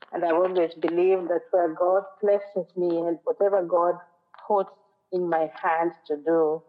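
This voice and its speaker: A woman from western Kenya with a Kenyan accent, giving an earnest, reflective sermon as a guest speaker at a church. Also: deep voice. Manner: earnest, reflective, quotes scripture and song lyrics. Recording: phone-like narrow sound.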